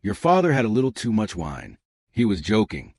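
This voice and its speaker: Brief: a man voicing a middle-aged mother, breezy and condescending, lively pitch. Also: fairly quick, no echo, studio quality, exaggerated voice. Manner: gentle, condescending.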